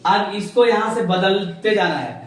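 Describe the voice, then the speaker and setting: A man's voice: high voice, animated, measured pace. A man teaching Urdu letters to a class, asking questions and repeating their answers back. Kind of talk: classroom lesson with call-and-response. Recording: echoey room, voice from a distance.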